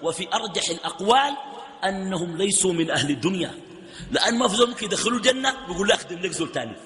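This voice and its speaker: A man preaching a sermon in Sudanese Arabic. He moves between slow classical recitation and quick colloquial asides, rising to shouts on key points. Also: sits high, lively intonation. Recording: long hall reverb, faint background noise.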